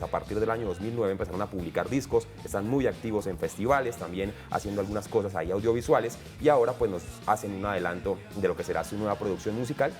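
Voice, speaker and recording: A man presenting a music segment on TV in a brisk, informative way. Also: on the low side, a little mellow.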